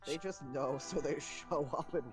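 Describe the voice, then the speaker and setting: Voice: medium pitch, moderate pace, music in the background. A co-host chatting casually about an animation in a playful, teasing, enthusiastic way. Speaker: reaction show co-host. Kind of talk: casual reaction chat over an animation.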